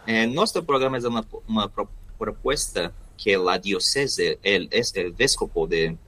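Male interview guest, native Portuguese speaker with Brazilian accent, slightly low pitch, forceful tone, halting delivery. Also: slightly rough. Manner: halting, searching for words, mixing in Portuguese. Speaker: interview guest, volunteer youth radio host. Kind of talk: interview answers.

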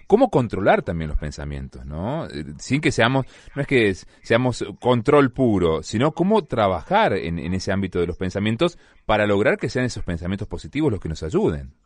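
Hesitant radio host, low voice. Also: male voice, sing-song, normal speed, few pauses, no echo, clean studio sound. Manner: hesitant, many fillers. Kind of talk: hosting a call-in talk show.

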